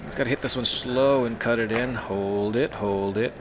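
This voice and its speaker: A man's voice: mid-range voice, normal speed, noisy background. A man commentating a pool match on a live stream, chatty and joking, telling anecdotes between shots.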